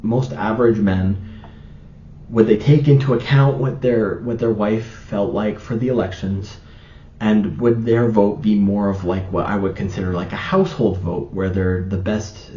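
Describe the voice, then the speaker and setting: A young man hosting an opinion monologue, rambling with many fillers and restarts as he argues his case. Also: mellow. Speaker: channel host. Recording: roomy, slightly dull recording with faint rumble.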